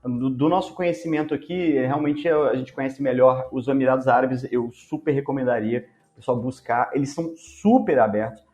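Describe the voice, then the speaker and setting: A man with a Brazilian Portuguese accent answering interview questions as a startup co-founder, often pausing and repeating words as he searches for the phrase. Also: medium pitch, a little mellow.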